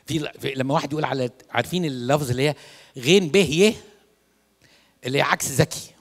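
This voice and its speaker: A man's voice: mid-range voice, very fast. A male priest with an Egyptian Arabic accent preaching a sermon, telling stories and acting out dialogues, slipping into English phrases. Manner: animated storytelling, acts out dialogues, mixes in English. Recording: long church reverb.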